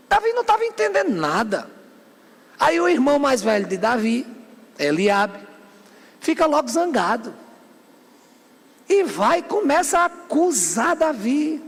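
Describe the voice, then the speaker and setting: A bishop preaches a fiery sermon, firing rhetorical questions at his congregation. His voice sits very high for a man and has a gravelly, creaky grain. It rings out with the long reverb of a large church hall.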